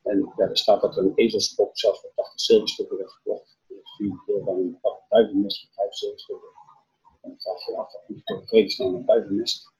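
A man preaching, retelling a Bible story with animated storytelling and acted-out dialogue. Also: lowish voice, brisk, breathy edge, poor audio. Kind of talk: Bible teaching, retelling scripture.

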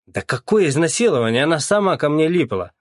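A man's voice: fairly high pitch, sing-song, brisk, no echo, clean studio sound, pitched above the performer's own voice. A man reading the part of a cocky young man who turns sullen and defensive. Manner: dismissive, defensive.

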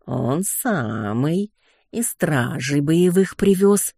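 A reader voicing a sly talking house cat in an audiobook, with a slow drawl. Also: mid-range voice, lively intonation, creaky, dark tone, breathy edge, no echo, studio quality, exaggerated voice.

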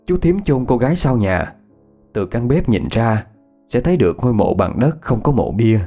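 A man, narrating a ghost story in a measured, unhurried way. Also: mid-range voice, very animated, warm tone. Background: faint instrumental music.

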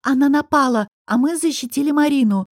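A woman reading an audiobook, voicing an excitable young female student who yells in alarm. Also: high voice, fairly quick, no room sound, clean studio sound, pitched above the performer's own voice, close to an everyday voice. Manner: yelling, alarmed.

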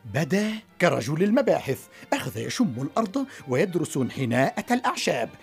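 Expressive woman reading a children's story. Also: low voice, a little fast, gravelly, soft background music.

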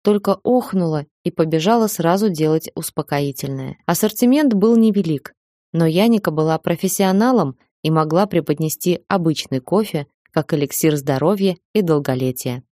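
Woman, audiobook narration, measured reading, low, warm, dry sound. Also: lively intonation, dry recording. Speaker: audiobook reader.

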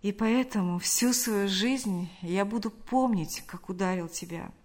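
A woman reading an audiobook, voicing a tender, remorseful young man in love in a soft, gentle voice. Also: mid-range voice, unhurried, close to an everyday voice.

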